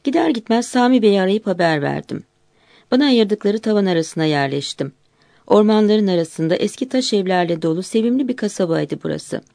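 A woman narrating an audiobook in a calm, measured reading voice. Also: mid-range voice, gravelly, dry recording.

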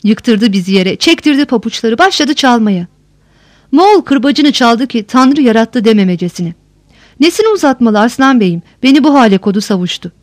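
A woman's voice: a little high, lively intonation, moderate pace, no room sound, close to an everyday voice. A battered old steward spills his tale in a whining, pleading ramble. His voice jumps up and down and sits close and dry, with no room around it, as a woman narrator acts him out. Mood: lamenting. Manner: whining, long-winded pleading. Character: frightened, beaten old male steward.

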